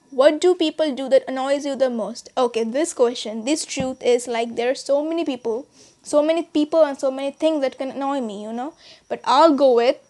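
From her small bedroom, a teenage Indian girl vlogs to her subscribers in an Indian accent, chatting loosely with many restarts and fillers. She has a high, slightly mellow voice.

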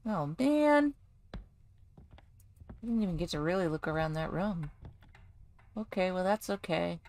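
A woman's voice: lowish voice, normal speed, a little mellow. A woman providing casual, jokey commentary while playing a horror game, talking to herself and yelping when startled. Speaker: gaming video host.

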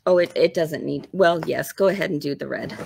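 A woman's voice: low voice, brisk, vocal fry, darkish tone, slight background noise. A woman chatting casually and enthusiastically like a home shopping host during a live craft demonstration, checking in with her viewers. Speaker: host of a live embroidery demonstration and sales show.

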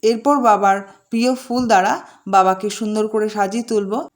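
Calm woman teaching a puja. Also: medium pitch. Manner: calm, measured, slows down to chant mantras. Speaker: puja instructor. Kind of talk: step-by-step ritual instruction with chanted mantras.

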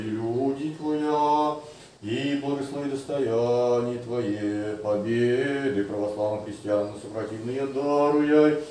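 A middle-aged priest chants slow, sung liturgical prayers in a dark, mellow voice. He is heard from across a small tiled room, so the sound is very echoey and distant, with faint noise behind. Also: fairly low pitch. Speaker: Orthodox hieromonk. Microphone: far camera.

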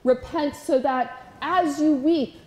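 A high-voiced woman delivers a funeral sermon, her tone soft and mellow rather than bright. She preaches in a measured, rhythmic cadence built on repeated calls. The sound carries the echo of a large church. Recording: echoey church room.

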